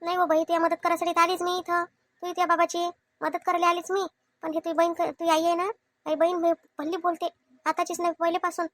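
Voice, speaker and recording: Cartoon: high, fast, pleading widowed aunt, voiced by a woman, Vidarbha Marathi accent. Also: flat delivery, fairly bright tone, no room sound. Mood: hurt. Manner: pleading, self-defending. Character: meek childless widowed aunt, wronged. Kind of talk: cartoon family comedy.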